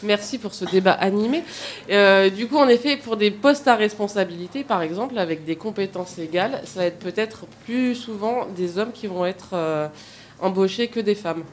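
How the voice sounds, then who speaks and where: A woman hosting a radio discussion in a studio, pausing often with filler sounds as she leads the talk. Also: mid-range voice, a little hiss or hum. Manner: hesitant, with frequent "euh" fillers. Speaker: radio host.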